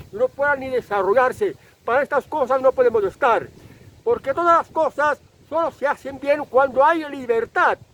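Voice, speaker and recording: A man from delivers a long political opinion monologue as a channel host. His voice sits very high for a man. He hammers his points through repetition and fills his pauses with small hesitations. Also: fairly bright tone, slight background noise, poor audio. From Spain. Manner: insistent, repetitive, pauses with fillers.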